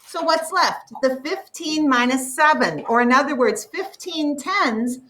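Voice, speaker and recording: A woman teacher walks a class through a math problem at a slow, careful pace. Her voice sits high and clear, and she often draws a number out to let it sink in. The classroom mic picks her up from a few steps away. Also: expressive, a bit bright, distant mic, rough recording. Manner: slow, deliberate explaining, drawing out numbers.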